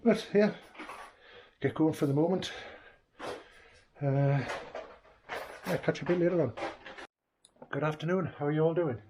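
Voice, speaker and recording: A man's voice: fairly high pitch, unhurried, long pauses, mellow, a little hiss or hum. Rambling man, home diary. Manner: rambling, chatty, trailing off mid-sentence. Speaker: vlogger. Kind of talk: casual home video diary. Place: living room at home.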